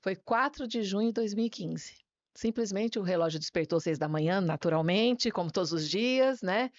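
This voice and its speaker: Woman pastor telling her faith story, lively, tosses in "né?" a lot, dry dull audio. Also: mid-range voice, moderate pace, dry recording. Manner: lively storyteller, often ends phrases with "né?". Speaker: pastor, guest. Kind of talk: personal faith testimony.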